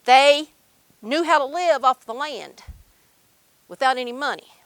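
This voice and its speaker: An older woman with a strong, bright voice pitched high and an Appalachian accent. She tells stories and reminisces in a folksy, emphatic manner, in a dry, close sound. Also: unhurried, no room sound. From Appalachian Mountains, Kentucky, USA. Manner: folksy, emphatic, uses dialect grammar. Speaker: storyteller. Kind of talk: live oral storytelling and personal reminiscence.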